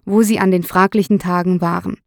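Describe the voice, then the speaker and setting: A woman's voice: lowish voice, fairly even intonation, brisk, gravelly, dry recording, studio quality. A woman reading the part of a stern middle-aged male police detective who asks firm, probing questions.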